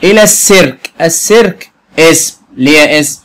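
A man with an Egyptian Arabic accent teaching a young pupil, spelling out words slowly and quizzing her as he goes. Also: fairly high pitch, expressive, fairly bright tone, a little hiss or hum. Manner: slow, clearly spelled out words with frequent quiz questions. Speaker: primary school Arabic teacher. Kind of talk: patient classroom explanation to a young pupil.

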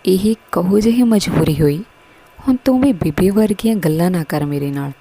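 A woman's voice: on the low side, lively intonation, moderate pace, mellow, slight background noise. A woman voicing a headstrong, snappish teenage schoolgirl in a story. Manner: snappish, dismissive.

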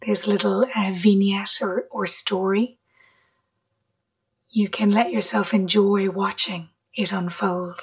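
A woman guides a slow, measured meditation in a soft, breathy mid-range voice with fairly even intonation. She speaks gently in short phrases separated by long pauses.

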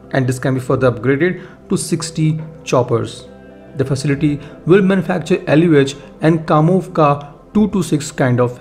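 A man reads scripted defense news in a steady, list-like delivery. His voice sits slightly high for a man. Soft music plays faintly underneath. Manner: steady read-aloud delivery, lists of facts. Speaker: defense news channel host. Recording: faint music bed behind voice. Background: faint background music.

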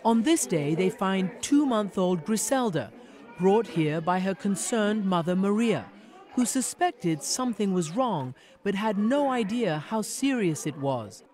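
A middle-aged woman correspondent giving a measured, earnest scripted news narration. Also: mid-range voice, expressive, darkish tone.

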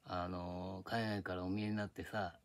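A man's voice: sits low, flat delivery, moderate pace. An older man from Japan rambling in a casual, grumbling monologue, recorded at home on a tablet. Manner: grumbling, chatty, drifting between topics. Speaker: vlogger. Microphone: tablet microphone.

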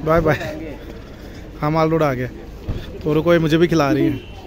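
A twenty-something travel vlogger with a fairly high, steady voice chats casually at a normal pace while walking through a busy outdoor town market and monastery grounds, filming himself on a phone held at arm's length. The phone audio picks up crowd chatter and street noise.

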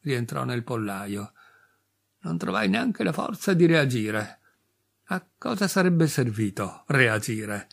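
Guy reading an audiobook, steady first person narration, dry bitter edge, normal pitch. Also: slow pace, gravelly. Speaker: audiobook reader.

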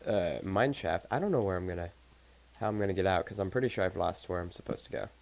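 A man's voice: low voice, fast talker, gravelly, a little mellow. A man chatting casually while playing a game, teasing his friends with jokey banter. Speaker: let's play gamer. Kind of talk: casual gaming chat.

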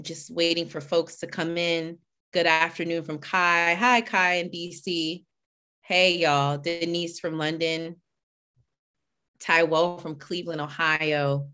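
Low-voiced woman hosting a video call. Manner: warm, chatty greetings, reading names from the chat. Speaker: host and executive director. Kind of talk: casual welcome and introduction on a video call.

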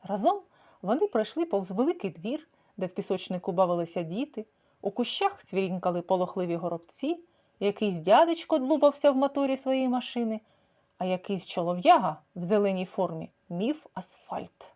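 A woman narrating her own children's story. Her voice is mid-pitched and highly lively, swinging up and down in a warm sing-song way. The reading is expressive and measured, made for young listeners.

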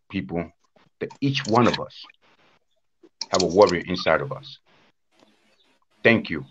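A man from Honduras with a low-sitting, somewhat bright voice gives a conference talk over a video call, and the webcam audio sounds dull. Invited to speak on the Wanaragua dance, he tells its history plainly, often saying "uh" and "according to what I understand."

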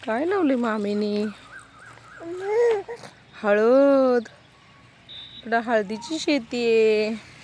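A woman with a high, bright-pitched voice talks unhurriedly in a casual family vlog, soothing a little one with soft baby talk and playful barking sounds. She is outdoors in a home garden, with faint outdoor ambience behind her. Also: drawn-out words, pauses often, a little hiss or hum. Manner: soothing baby talk, imitating a dog's bark. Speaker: family vlogger and mother.

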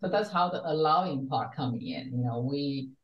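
A woman's voice: a bass voice, animated, normal speed, muffled recording. An older woman from Taiwan, a wellness coach speaking earnestly as a guest on a video call from her home study. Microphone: video call webcam. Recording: roomy webcam sound from a distance.

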